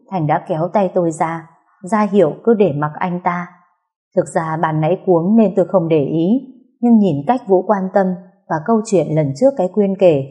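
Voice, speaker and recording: Low, husky woman narrating a story. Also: warm tone. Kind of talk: scripted first-person story narration.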